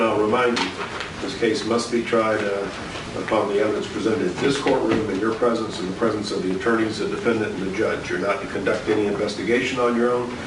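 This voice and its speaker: A man serving as judge, giving measured, formal instructions to a jury, heard in a courtroom recording. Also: lowish voice. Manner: measured, deliberate, with frequent uh fillers. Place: large courtroom. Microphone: distant room mic. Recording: echoey courtroom, far mic, loud hiss.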